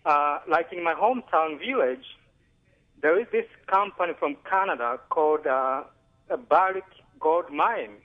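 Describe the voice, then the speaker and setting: A man from Tanzania calling in to a radio talk show, speaking earnestly with many pauses and fillers. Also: fairly high pitch, expressive. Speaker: caller. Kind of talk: phone-in call. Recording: tinny phone line.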